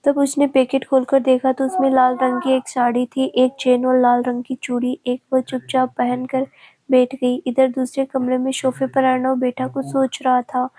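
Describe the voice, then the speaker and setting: A woman storyteller reading a romance story aloud at an even, unhurried pace. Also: high voice, a little hiss or hum. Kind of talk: scripted narration of a romance story.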